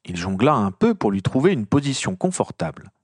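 A man reading a story aloud with expressive, lively storytelling. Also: mid-range voice, a little fast, breathy edge, no room sound, studio quality. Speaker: reader. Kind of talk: audiobook reading of fan fiction.

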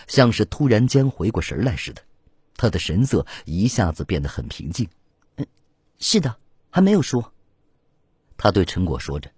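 A man's voice: darkish tone, breathy edge, dry recording, clean studio sound. A man narrating an audiobook in a dramatic storytelling manner, reading scripted narration. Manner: dramatic storytelling with wide swings in pitch.

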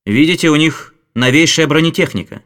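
A man voicing a sly, calm adviser. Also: fairly high pitch, brisk, voice pushed up, natural voice.

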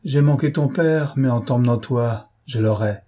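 A man's voice: medium pitch, normal speed, mellow, lightly acted. A man reading an audiobook aloud, voicing a ferocious male bandit chief who threatens and taunts in a raised, harsh voice. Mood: menacing.

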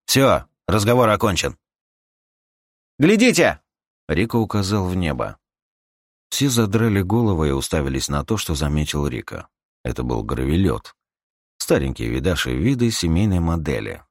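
A man narrating an adventure audiobook in a lively storytelling read. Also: a bass voice, dry recording, clean studio sound. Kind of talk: scripted narration.

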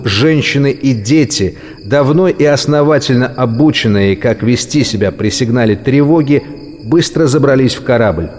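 A man reading a story aloud as an audiobook narrator, measured and expressive. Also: mid-range voice, a little hiss or hum. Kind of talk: scripted narration. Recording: long reverb with music and crickets.

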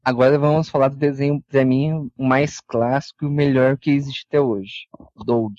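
A man co-hosting a podcast, chatting casually and reading items aloud in a relaxed, dry way. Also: mid-range voice, moderate pace, dull audio, over loud music. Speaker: podcast co-host.

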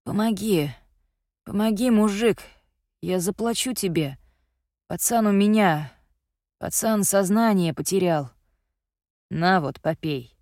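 A woman doing a hoarse, injured man. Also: medium pitch, slow pace, long pauses, darkish tone, dry recording, studio quality, lightly acted. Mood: weak pleading. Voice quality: hoarse, wheezing. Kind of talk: audiobook character reading.

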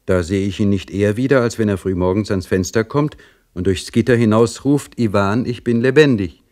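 A man's voice: fairly low pitch, fairly quick, darkish tone, pitched above the performer's own voice, lightly acted. A man reading a story, voicing a young male serf servant who talks eagerly and earnestly.

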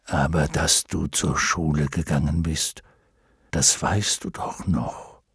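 A man voicing a wise, solemn male luck dragon in an audiobook, speaking slowly and gravely. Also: very deep voice, fairly even intonation, no room sound, studio quality, pitched below the performer's own voice, full character voice. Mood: gentle. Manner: slow, grave, almost ceremonious. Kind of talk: audiobook character voice.

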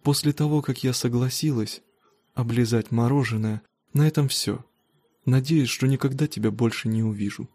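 Man voicing a young bride, quiet, restrained, mellow voice, dry recording. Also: mid-range voice, normal speed, no echo, close to an everyday voice. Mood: cold. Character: young bride, hurt but cold and firm. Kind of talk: audiobook reading.

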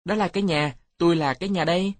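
A man voicing a playful little village boy in a storybook reading, speaking in a high, excited childlike way. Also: fast, dry recording, natural voice.

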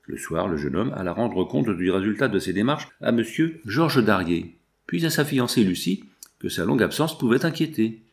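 Un homme qui lit un roman à voix haute, de manière posée et expressive. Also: male voice, lowish voice, moderate pace, vocal fry. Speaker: lecteur de livre audio. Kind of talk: narration de roman lue.

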